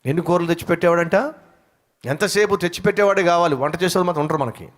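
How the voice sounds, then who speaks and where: A man's voice: fairly high pitch, quick pace. A middle-aged male pastor preaching a sermon, asking the congregation questions and acting out short dialogues. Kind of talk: Telugu sermon.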